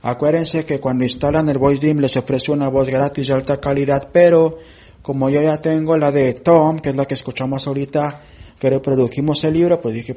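A man presenting a relaxed tutorial, explaining app settings step by step and thinking aloud as he goes. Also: mid-range voice. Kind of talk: screen-reader app walkthrough.

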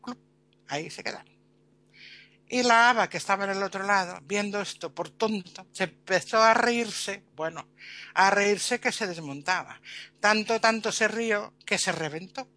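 A woman telling a folk tale in a casual, lively way, with playful sound words. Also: medium pitch, moderate pace. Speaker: storyteller.

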